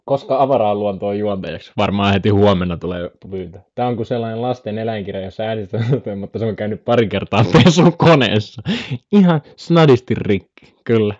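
A man's voice: on the low side, hardly any pauses, a little mellow, highs cut off. A young man from Finland chatting casually on a live stream, joking, rambling and trying out animal sounds.

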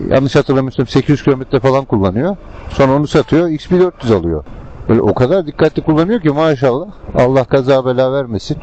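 A man giving casual, rambling and colloquial commentary to viewers from inside a helmet while riding a scooter in traffic. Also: medium pitch. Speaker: motovlogger. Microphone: helmet-mounted microphone. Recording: muffled helmet mic, loud engine and road noise. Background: vehicle and traffic noise.

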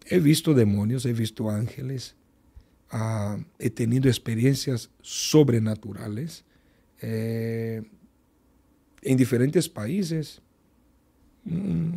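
Gravelly-voiced pastor telling a testimony. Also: male voice, medium pitch, mellow. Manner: unhurried storytelling with many fillers and repetitions. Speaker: pastor, radio guest. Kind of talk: testimony in a radio interview.

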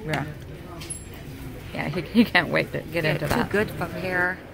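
A woman's voice: deep voice, normal speed, gravelly. A middle-aged woman chatting casually as she films her travels, laughing often and speaking unhurriedly. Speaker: vlogger filming her travels. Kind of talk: casual vlog narration. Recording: noisy phone audio with traffic and air conditioning.

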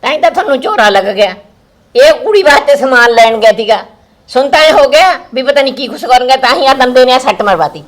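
A woman playing a sharp-tongued older village grandmother who scolds and comforts. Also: high voice, animated, a little fast. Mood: scolding. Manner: scolding, then soothing.

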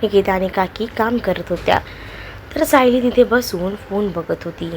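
A woman narrating a love story in a steady, even reading voice. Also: mid-range voice, moderate pace, slight background noise, poor audio.

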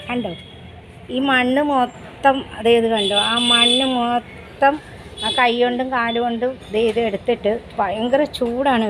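A woman's voice: a little high, a little hiss or hum, poor audio. A woman, chatting tenderly in a casual pet vlog, recorded outdoors at a house. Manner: chatty, tender, often coos to the dogs. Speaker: pet vlogger.

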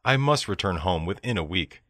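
A woman reading short English example sentences at standard speed for a language lesson, clear and evenly paced. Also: very deep voice, lively intonation, moderate pace, no room sound, clean studio sound.

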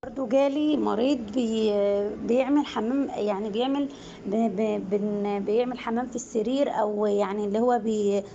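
A woman's voice: on the high side, normal speed, dark tone, dull audio, a little hiss or hum. A woman with an Egyptian Arabic accent, a nursing assistant casually recapping exam questions to viewers, hesitant with many restarts.

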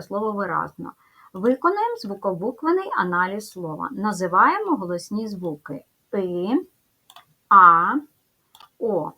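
A woman's voice: medium pitch, a bit bright, breathy edge. A woman teaching a careful first-grade spelling lesson, sounding out letters and sounds one by one.

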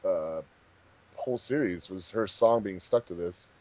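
A man with a low-pitched, unhurried voice hosts a casual group commentary track. He talks informally as the director of a fan project, a fandub.

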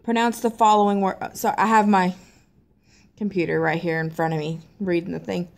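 A young woman from the American South with a Southern accent, chatting casually to camera in a hesitant, low-key way. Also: level tone, normal speed, gravelly. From Tennessee and Mississippi, United States. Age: young adult. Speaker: amateur vlogger. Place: small living room at home, seated in an armchair.

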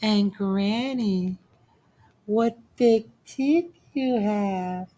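A man voicing a sweet, polite little girl in a storybook reading, speaking slowly in a high, gentle, innocent voice.

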